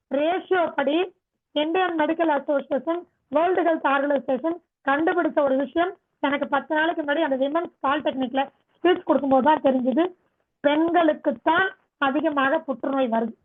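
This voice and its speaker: A woman yoga teacher giving a motivational talk, pressing her listeners with rhetorical questions. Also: high voice. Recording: tinny phone-like sound.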